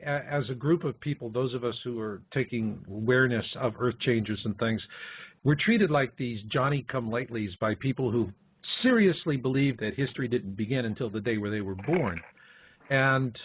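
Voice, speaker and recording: A man's voice: mid-range voice, slight background noise. A man hosting a radio talk show, explaining his points in a conversational way. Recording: tinny phone-like sound.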